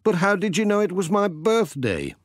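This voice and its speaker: A man's voice: sits high, moderate pace, no echo, studio quality, voice pushed up. Man voicing a cheerful, lilting village postman. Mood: puzzled. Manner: friendly, mildly puzzled, animated. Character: Postman Pat, cheerful puzzled male village postman. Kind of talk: children's storybook character voice.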